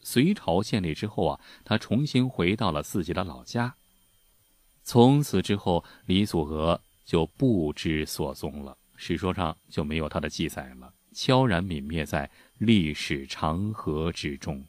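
A man's voice: deep voice, animated, measured pace, a little mellow, no room sound. A man telling history stories in a folksy, chatty way, full of spoken filler particles. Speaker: history storyteller. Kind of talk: casual spoken history storytelling.

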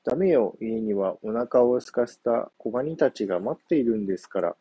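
A man's voice: medium pitch, lively intonation, fairly quick, mellow, breathy edge, no room sound. A man doing a polite little mother crab. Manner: firm, polite, trusting. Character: small earnest mother crab.

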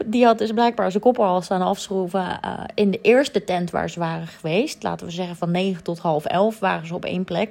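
A woman's voice: medium pitch, a little mellow. Chatty woman telling a story. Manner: chatty, many fillers, drops English words into Dutch. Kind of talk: casual personal anecdote.

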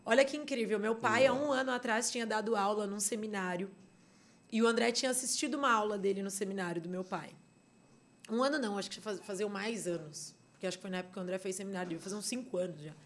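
A woman's voice: mid-range voice, fast. A woman with a Brazilian accent, a podcast guest telling a personal story earnestly, with many fillers and restarts.

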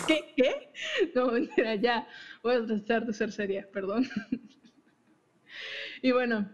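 A young woman speaks slowly in a voice on the high side, hosting a podcast where she casually explains game lore. She's giggly and chatty, often breaking off to restart, and the audio is dull and lo-fi.

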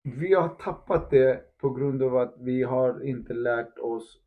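A man in a casual podcast chat who speaks as a football coach. He talks in an animated way, acts out little quotes, mixes in English phrases and keeps asking if the listener follows. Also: mid-range voice, phone-quality sound. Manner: asks "förstår du?" often.

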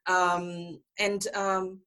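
A woman's voice: lowish voice, level tone, very slow, pushed and bright, low-quality recording. A woman from Algeria hosting a podcast interview, enthusiastic and chatty, laughing often. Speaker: podcast host. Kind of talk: casual interview chat.

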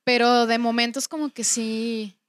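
Young mexican woman chatting on a podcast, lively storyteller, dry mic. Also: a little high, moderate pace, no room sound. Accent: Mexican Spanish. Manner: chatty, laughs often, acts out quoted dialogue. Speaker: podcast co-host. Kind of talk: casual conversation.

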